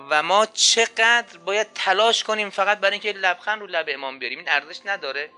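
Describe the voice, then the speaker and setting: Bright-voiced male preacher, emphatic sermon. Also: fairly high pitch. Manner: emphatic, repeats key phrases, rhetorical questions.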